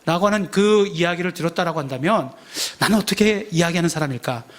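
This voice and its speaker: Korean pastor preaching conversationally. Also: male voice, fairly high pitch, quick pace. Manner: conversational preaching, frequent "ye" fillers and rhetorical questions; acts out shouted quotes of the crowd. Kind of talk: sermon. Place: church sanctuary.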